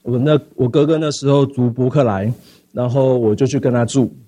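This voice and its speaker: Mellow-voiced man telling his story. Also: medium pitch. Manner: halting, many fillers and repeated words, slips into English. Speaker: speaker sharing a personal testimony. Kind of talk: personal storytelling.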